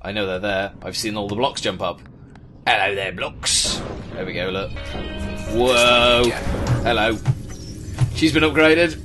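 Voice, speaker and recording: A man commenting on a video game as he plays it. He gets excitable, swears often and puts on silly voices. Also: fairly low pitch, unhurried, long pauses. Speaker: let's play host. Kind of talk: gameplay commentary. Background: game music.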